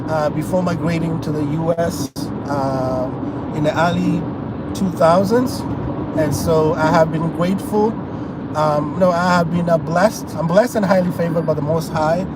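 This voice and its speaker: A man's voice: fairly high pitch, far from the mic. A middle-aged Kenyan man chatting on a livestream from his car, rambling with lots of fillers. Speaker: vlogger. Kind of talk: casual livestream talk. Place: in a car on the road. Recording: loud road noise.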